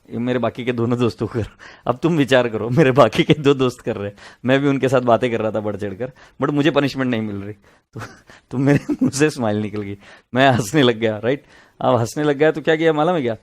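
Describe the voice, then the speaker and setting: A middle-aged man giving a casual classroom lecture, telling stories and joking with his students. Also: medium pitch. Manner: chatty, joking, mixes Hindi and English. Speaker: accounts lecturer.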